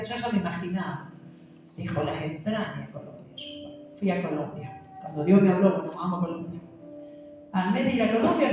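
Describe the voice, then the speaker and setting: A middle-aged woman pastor from Argentina with a Rioplatense Spanish accent, preaching a sermon of personal testimony, swinging between hushed and loud. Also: medium pitch, muffled recording. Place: church hall. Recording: echoey church hall from far off.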